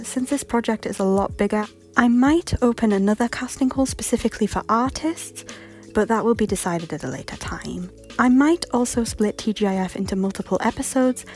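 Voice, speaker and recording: Her mid-range voice has a darkish tone as she reads a scripted announcement for a voice casting call. Speaking as the project's creator, she is polite and explanatory, with music in the background.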